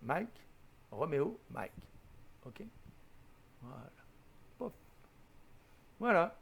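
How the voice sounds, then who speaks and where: A man's voice: a little high, big pitch swings, very slow, vocal fry, a bit bright, slight background noise. A man hosting a flight simulator tutorial, chatting patiently, spelling out letters and correcting his own slips. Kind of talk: casual screen-recorded tutorial.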